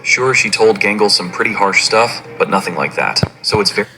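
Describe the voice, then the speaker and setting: Deep-voiced man narrating a theory. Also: a little fast, pushed and bright, soft background music, poor audio. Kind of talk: scripted narration.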